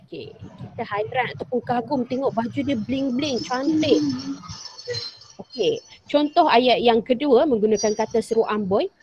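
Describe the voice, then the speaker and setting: A woman's voice: fairly high pitch, a little slow, a little mellow, slight background noise. Malaysian woman teacher, acted example lines. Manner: patient, repeats example sentences with acted intonation. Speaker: primary school teacher. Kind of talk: online class lesson. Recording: dry, dull lo-fi sound.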